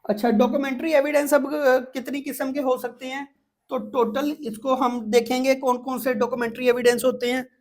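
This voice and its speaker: An exam prep teacher with a Pakistani accent lectures informally in a high, darkish voice, brisk and flat in delivery. She explains one step at a time, repeating frequently and checking in.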